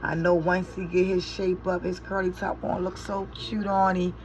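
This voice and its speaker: A woman's voice: lowish voice, moderate pace, slight background noise, poor audio. Chatty middle-aged woman vlogging. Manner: chatty, animated storytelling to viewers; exasperated, swearing in frustration. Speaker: beauty vlogger and mother. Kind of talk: casual chat while doing makeup.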